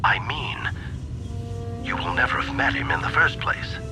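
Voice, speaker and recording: An actor playing an older, commanding alien general in a video game, grave and measured like a military man. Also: medium pitch, sing-song, over music, close to an everyday voice.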